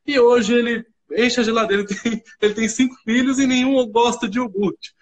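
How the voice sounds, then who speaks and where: A man's voice: very high-pitched, a little fast, highs cut off. A man hosting a casual live-stream conversation, easygoing and agreeable, adding short stories of his own. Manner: relaxed, agreeable, shares short personal anecdotes. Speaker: host.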